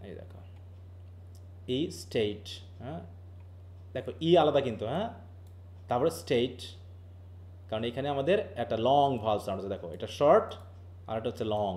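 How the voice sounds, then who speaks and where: A man's voice: medium pitch, expressive, moderate pace, pauses often, darkish tone. A man from Bangladesh teaches linguistics in a live online class. He explains patiently, mixes in English terms, and keeps asking his students questions.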